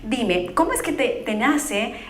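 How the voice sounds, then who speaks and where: A woman hosting a talk show, asking curious, lively questions. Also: on the high side, takes it slowly, roomy sound, a little hiss or hum. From Guatemala.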